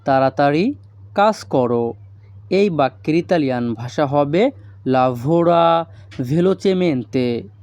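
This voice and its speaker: Male language tutor: slow, methodical, fairly high voice, dry close sound. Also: a little mellow, no room sound. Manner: slow, deliberate delivery, repeating phrases word by word. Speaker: language teacher. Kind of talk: recorded language lesson.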